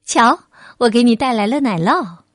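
A woman's voice: a little high, lively intonation, moderate pace, no echo, clean studio sound. A woman voicing a friendly, worldly little city mouse in a storybook reading, chatty and coaxing.

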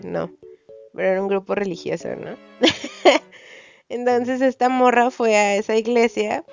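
A woman's voice: medium pitch, gravelly, dull audio. A young Mexican woman hosting a podcast, telling a personal story in casual slang and acting out what people said. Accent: Mexican Spanish. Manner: slangy, animated, acts out quoted dialogue. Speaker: podcast host.

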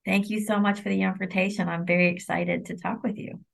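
A woman's voice: mid-range voice, flat delivery, brisk, vocal fry. Reflective middle-aged American woman guest. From Illinois, United States. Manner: reflective and open, with frequent restarts. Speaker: university vice president and general counsel, guest. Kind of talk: conversational interview.

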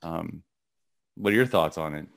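A middle-aged man with a gravelly morning voice and a fairly low pitch, chatting as the co-host of a sports podcast. He rambles and halts, restarting sentences and filling the gaps with ums and uhs. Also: expressive. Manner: rambling, halting with many restarts and fillers. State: voice cracking. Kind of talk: casual sports podcast chat.

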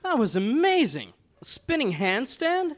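A man playing a plucky, wisecracking adventurer in a comic audio drama, excitable and wry. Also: very high voice, unhurried, full character voice. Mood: wry, urgent.

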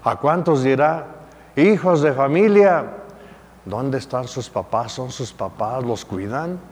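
A man's voice: mid-range voice, takes it slowly, darkish tone, in a large hall, a little hiss or hum. A man preaching a sermon as a priest, emphatic, with repeated rhetorical questions.

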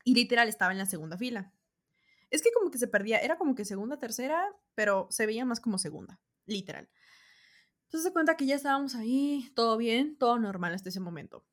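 Her voice sits fairly high and moves quickly as this young adult vlogger, who has a Mexican accent, shares a casual story. She uses plenty of slang and animatedly acts out people's lines.

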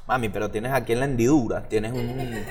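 A man's voice: medium pitch, fairly quick, over music. A man with a Venezuelan accent, co-hosting a casual chat full of slang and jokes. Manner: slangy, animated, joking. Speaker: podcast co-host.

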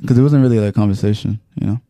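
Low gravelly man, dry teasing. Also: very fast, mellow, no room sound. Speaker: podcast co-host. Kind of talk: casual chat.

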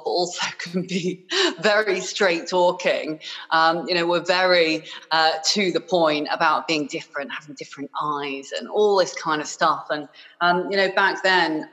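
A woman's voice: fairly low pitch, a bit bright, in a large hall, poor audio. A woman from Hong Kong raised in England, talking effusively as a podcast guest with many fillers. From born in Hong Kong, raised in Yorkshire, England. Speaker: podcast guest, business owner. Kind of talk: conversational interview.

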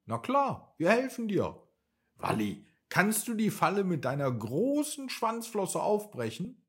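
A man voicing a small, lively lobster who talks quickly and eagerly. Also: high voice, voice pushed up, full character voice. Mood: keen.

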